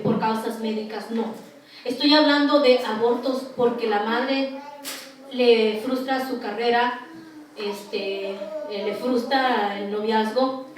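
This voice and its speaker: A female pastor with a fairly high voice earnestly preaches a sermon, pausing often and using fillers. She's recorded from a distance in a very echoey hall.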